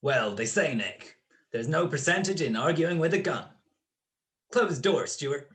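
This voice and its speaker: A man's voice: a little high, expressive, unhurried, a bit bright, a little hiss or hum. A man playing a suave gangster boss in a radio crime drama, mock-courteous and taunting. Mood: smugly menacing. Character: suave, gloating male gangster boss with a gun.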